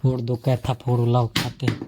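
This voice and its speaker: A man's voice: mid-range voice, completely flat delivery, fairly quick, background noise. A man vlogging at home while his sisters cook, chatty and teasing as he gives orders. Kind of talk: casual vlog narration.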